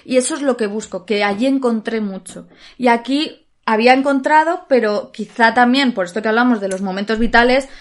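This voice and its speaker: A woman's voice: fairly high pitch, brisk. Nervous, laughing Spanish woman. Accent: Spanish, Spain. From Spain, Alicante. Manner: laughs often, searches for words, restarts. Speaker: guest actress. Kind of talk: casual podcast interview.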